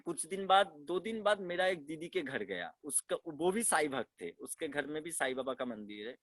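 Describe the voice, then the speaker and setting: A young man speaks in a fairly high voice, recorded close and dry with no room sound. He tells his own story earnestly and emotionally, stumbling, restarting and repeating phrases as he goes. It sounds like heartfelt personal testimony. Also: animated, normal speed, a bit bright, no echo. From West Bengal, India. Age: young adult. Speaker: devotee sharing his experiences.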